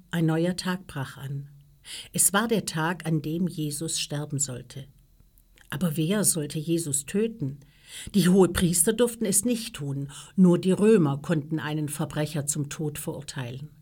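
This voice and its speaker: Slow, low-voiced woman telling a Bible story. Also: darkish tone, breathy edge. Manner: slow, measured reading, raising her voice for quoted speech. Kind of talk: scripted Bible story narration for children.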